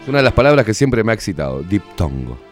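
A man's voice: fairly low pitch, sing-song, fast, faint music behind. A man with a Rioplatense accent hosting a casual radio show, joking, crude and teasing. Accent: Rioplatense Spanish. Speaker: radio host.

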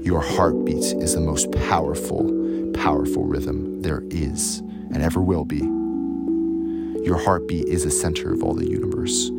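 A man leading a guided meditation as host, speaking solemnly in short, emphatic, repeated phrases. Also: rumbling low. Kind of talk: guided meditation, spiritual monologue. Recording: loud music under the voice. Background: loud instrumental music.

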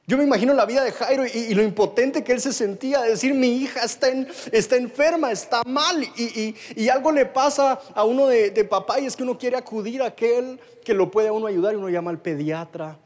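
A man's voice: very high voice, fast, hardly any pauses, darkish tone. A man in his thirties with a Guatemalan accent, preaching a story-driven sermon to a live congregation and the online audience, often repeating and restarting words. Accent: Guatemalan Spanish. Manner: storytelling, with many repetitions and restarts.

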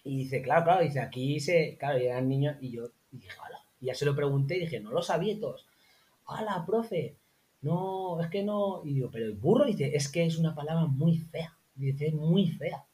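Man, interview guest, lively anecdote teller in relaxed chat. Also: fairly quick, hardly any pauses. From Spain. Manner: animated anecdotes, acts out quotes in high voices. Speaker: interview guest, former teacher in Morocco. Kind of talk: casual conversational storytelling.

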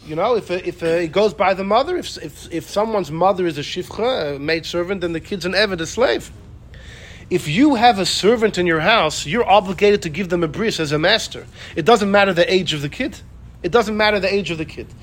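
A man teaching an informal Torah class, animated, often repeating himself and acting out the people he quotes. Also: high-pitched. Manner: animated, acts out quoted speakers, repeats phrases.

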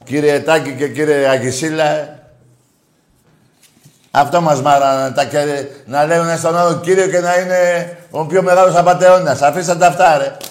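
A man hosting a call-in radio show, blunt and crude, going from low grumbling to loud mocking rants. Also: steady tone.

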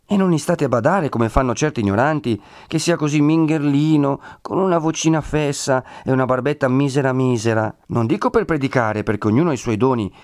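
A man's voice: mid-range voice, fairly quick, few pauses, a little mellow, no room sound, clean studio sound, pitched above the performer's own voice, lightly acted. A man reading a classic Italian novel aloud and voicing a chatty, self-assured friar who lectures in a reassuring way. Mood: chatty, explaining.

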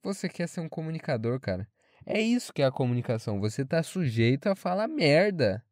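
Um jovem brasileiro falando sozinho de forma casual, franca e cheia de palavrões, divagando sobre a faculdade. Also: male voice, a little high, sing-song, a little fast, a little mellow, no echo, clean studio sound. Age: young adult. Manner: frank, rambling, swears freely. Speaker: podcast host. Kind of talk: casual solo monologue.

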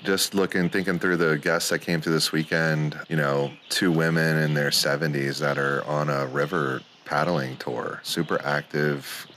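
A man's voice: a bass voice, level tone, normal speed, few pauses, a bit bright. A man giving casual, hesitant, thoughtful interview answers outdoors as a guest. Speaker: podcast guest, company CEO. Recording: faint outdoor ambient noise.

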